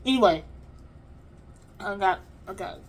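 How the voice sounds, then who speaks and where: A woman vlogger tells a personal story to her viewers in a loose, animated, conversational way. She speaks straight to her audience, and her voice sits at an ordinary middle pitch. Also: measured pace. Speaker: vlog host.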